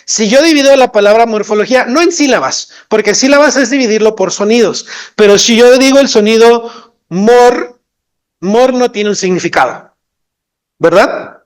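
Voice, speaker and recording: A man's voice: very high-pitched, normal speed, clean tone. A man, an interpreter teaching a live training session, explaining patiently and often putting questions to his listeners. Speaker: sign language interpreter and instructor.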